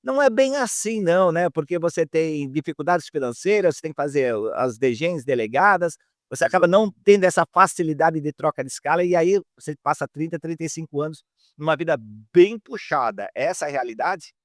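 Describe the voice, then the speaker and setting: Hesitant male interviewer, higher voice. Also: expressive, brisk, dry recording, clean studio sound. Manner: many hesitations and restarts. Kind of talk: conversational interview.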